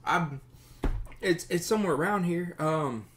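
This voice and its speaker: A man's voice: fairly high pitch, measured pace, a little hiss or hum, pitched above the performer's own voice, natural voice. A man voicing a nervous, stammering captive bandit who speaks in a raised, anxious voice.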